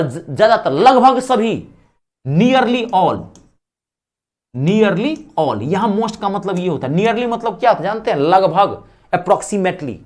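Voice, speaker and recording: A male teacher with an Indian English accent giving an exam grammar lecture. He asks questions and answers them himself, and dictates English examples slowly, word by word. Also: high voice.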